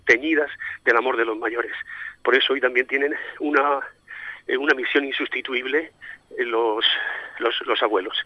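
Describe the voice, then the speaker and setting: A middle-aged Spanish man, a priest originally from Santomera, Murcia, who was raised in Madrid, answers an interviewer in a reflective way, his Spanish accent clear as he hesitates and repeats while looking for words. The voice is medium in pitch with no echo, carried on a dull, low-fidelity connection resembling a phone.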